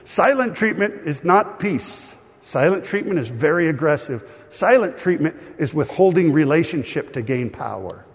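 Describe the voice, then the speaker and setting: A male pastor preaches to his congregation, lively and teasing as he talks. His voice sits a bit high and has a husky grain. The sound carries a long reverb from a large hall. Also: moderate pace, hardly any pauses. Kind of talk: sermon.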